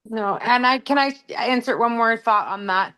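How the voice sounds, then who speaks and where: A woman who is a teacher, speaking as a guest in a casual podcast chat, thoughtful and halting with many fillers. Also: a little high, fairly bright tone.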